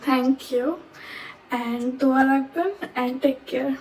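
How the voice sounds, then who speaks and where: A woman's voice: sits high, little pitch movement, very slow, a little mellow, far from the mic, poor audio. A young woman chatting casually to camera in her bedroom, mixing English phrases into her talk. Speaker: vlogger.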